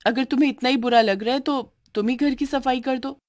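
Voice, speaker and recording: A woman's voice: sits high, steady tone, fairly quick, a little mellow, no room sound, studio quality, pitched above the performer's own voice, lightly acted. A woman voicing a mistreated young wife in a cartoon story who answers back. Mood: defiant. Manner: pleading, defiant. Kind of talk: cartoon voice acting.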